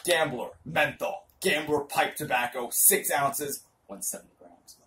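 A man's voice: fairly high pitch, a little slow, bright, forceful tone. A young man giving a mock dramatic reading in a theatrical, hammy stage-actor manner, mock-serious, recorded outdoors on a porch. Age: young adult. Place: covered porch outdoors at night. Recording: distant, noisy porch camera audio.

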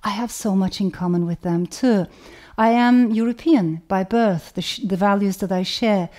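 A middle-aged Turkish woman, a novelist who runs her own channel, reflects on where she comes from and reads a passage aloud. Her mid-range voice is a little mellow, and she speaks in a measured, thoughtful way, listing things in long chains.

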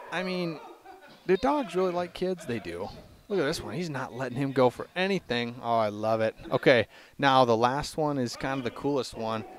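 A man giving casual, joking voiceover commentary on a video compilation, often breaking off and restarting his sentences. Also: medium pitch. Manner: casual, joking, self-interrupting. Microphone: voice-over.

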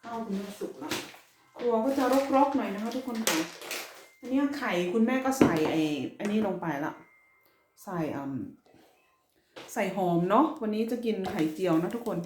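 A middle-aged woman from Thailand chatting casually while cooking at home, switching between Thai and halting English and stumbling over some English words. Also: mid-range voice, animated. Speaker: cooking vlogger. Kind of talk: casual cooking vlog chat. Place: home kitchen. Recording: echoey kitchen with clear background noise.

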